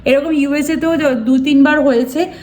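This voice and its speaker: A chatty woman in her thirties with a Bengali accent, talking through her day in a casual home vlog. Her voice sits a little high, with a faint hiss of room noise behind it. She explains cooking tips step by step. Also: steady tone, moderate pace. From India. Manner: speaks softly so as not to disturb others. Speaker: vlogger.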